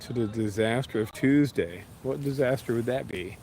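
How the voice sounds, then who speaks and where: A man chatting casually with viewers on a livestream, relaxed and rambling, talking to his pets now and then. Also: medium pitch, moderate pace, a little hiss or hum.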